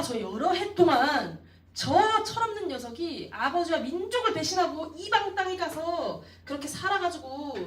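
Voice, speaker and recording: A woman preacher voicing a resentful young man who accuses his father, pleading and rising to a shout. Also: high-pitched, pitched above the performer's own voice. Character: resentful indignant elder son, young man. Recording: roomy echo, distant mic.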